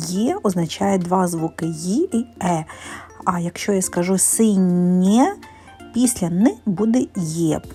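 A woman teaching in a methodical way, pronouncing sounds and syllables slowly and carefully. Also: medium pitch, gravelly, mellow. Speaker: primary school teacher.

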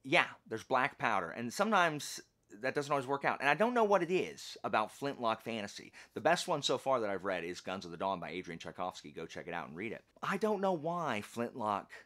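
A man runs a book channel, chatting in a casual, colloquial vlog style with plenty of self-deprecating humour. His voice sits at medium pitch and moves a little fast, and he comes across as animated and emphatic.

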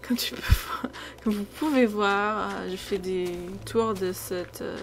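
A young American woman, a native English speaker and gaming video creator, offers hesitant, off-the-cuff commentary over gameplay, often letting her words trail off. Her medium-pitched voice moves slowly and carries vocal fry. The home recording is noisy, with video game sounds behind her.

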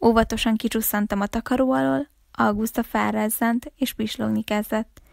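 A woman reading a novel aloud for a library, with calm, steady storytelling. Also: on the high side, vocal fry, no room sound, studio quality. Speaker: library reader.

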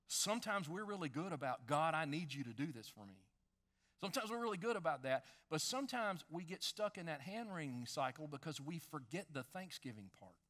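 A man in his fifties preaching a sermon on a large dark church stage, animated, swinging between loud emphasis and hushed lines. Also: a little high. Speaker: pastor.

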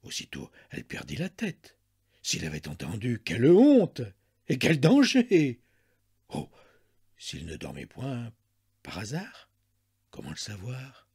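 A male storyteller giving a dramatic reading of a classic short story, often dropping to a hushed tone. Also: low voice, gravelly, husky.

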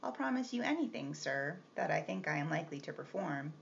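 A woman's voice: low-pitched, very animated, a little fast, creaky, full character voice. A woman reading the part of a composed young governess, polite but firm and restrained. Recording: slightly muffled with faint hiss.

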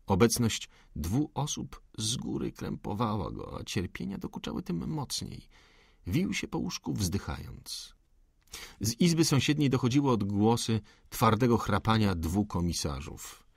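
A man reads an audiobook with lively, swinging intonation and expressive storytelling. His voice is low-pitched and husky. The recording is dry and close, with no room sound. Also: a little slow, no echo. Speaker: audiobook narrator. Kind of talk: audiobook narration.

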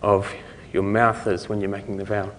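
A middle-aged man giving an informal conference lecture, explaining things in a halting way with trailing thoughts. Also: lowish voice, little pitch movement, slight background noise. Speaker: conference speaker. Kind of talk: technical lecture to an audience. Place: conference lecture room, indoors. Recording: reverberant hall recording.

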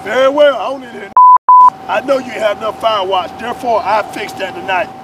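A man's voice: high voice, brisk, natural voice. A man playing a stern, scornful military drill instructor in a film, barking commands outdoors. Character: stern male drill instructor, profane and browbeating. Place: outdoors beside a road. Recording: loud outdoor noise, distant microphone.

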